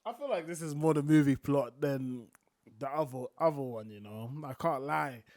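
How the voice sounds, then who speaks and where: A man's voice: mid-range voice, animated, moderate pace, darkish tone, no echo. Dry-sounding man reacting casually. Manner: offhand, reacting in short remarks. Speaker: reaction video host.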